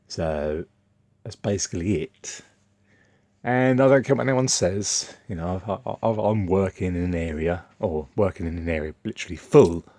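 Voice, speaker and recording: A man's voice: low voice, a little mellow, dry recording. A man, rambling bluntly in a casual off-the-cuff vlog monologue. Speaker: vlogger.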